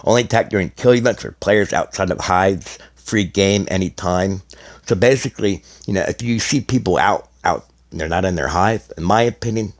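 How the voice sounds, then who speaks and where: A gaming content creator with a deep voice rambles about a game in a casual explanatory video, at a moderate pace with many restarts and fillers. He sounds slightly hoarse, as if losing his voice.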